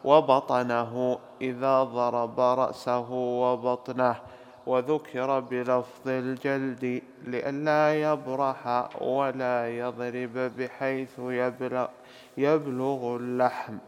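A man formally reading a classical commentary aloud in a slow, careful recitation for his teacher. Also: mid-range voice, level tone, smooth, long reverb tail.

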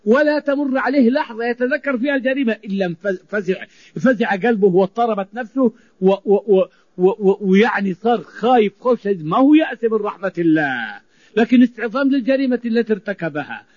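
High-voiced preacher, emphatic. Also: male voice, expressive, fast talker, a little mellow, dry recording. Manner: emphatic, repeating phrases for stress. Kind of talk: sermon. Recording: dull lo-fi recording.

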